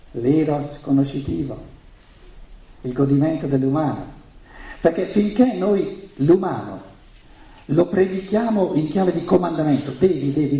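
Warm and medium-pitched with vocal fry, this man is a native German speaker lecturing on spiritual topics in accented Italian. Emphatic, he repeats phrases and asks rhetorical questions before an audience indoors, captured as an echoing, roomy live talk.

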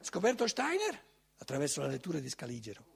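An older man giving a conference talk in a lecture hall, animated and conversational, often asking his audience rhetorical questions. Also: fairly high pitch, quick pace, vocal fry, breathy edge.

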